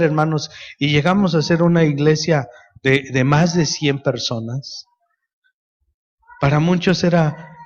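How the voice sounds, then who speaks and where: Mexican pastor preaching with stories. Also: male voice, fairly high pitch, muffled recording. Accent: Mexican Spanish. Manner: storytelling, addresses congregation as brothers. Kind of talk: sermon.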